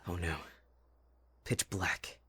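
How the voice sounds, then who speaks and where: A man playing Jack Frost, a playful, possessive young winter spirit, with a husky voice in a dramatic, intimate ASMR roleplay. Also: slow, sharp tone, slight background noise. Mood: uneasy, protective. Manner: teasing, dramatic, addressing the listener closely.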